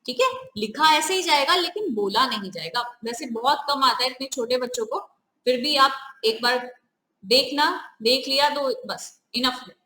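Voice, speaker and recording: A woman's voice: sits high, moderate pace, sharp tone, roomy sound, low-quality recording. A woman teaching a grammar lesson step by step, often asking the viewers questions. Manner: repeats "ठीक है", asks the viewers questions.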